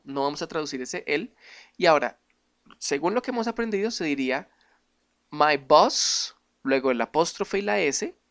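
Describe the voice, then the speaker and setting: A man teaches an online English grammar lesson. He explains things patiently and keeps putting questions to his viewers. Each English example sentence comes out slow and carefully modeled. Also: on the high side, fairly bright tone.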